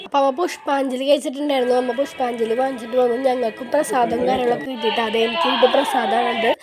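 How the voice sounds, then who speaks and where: A woman's voice: on the high side, fairly even intonation, racing, over loud music. A young woman vlogging in a casual, chatty way with a Thrissur Malayalam accent, her voice a little worn after a fever, speaking into a phone camera set down nearby. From Kerala, India. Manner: chatty, ends sentences with tag words. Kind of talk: casual vlog narration. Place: home work area, then temple grounds.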